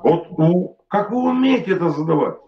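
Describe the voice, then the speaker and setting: A man's voice: high-pitched, expressive, moderate pace, vocal fry, crowd noise. Drunk, rambling man on a muffled call. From Transnistria. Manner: rambling, cursing, insistent. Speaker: caller. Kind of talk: heated phone argument.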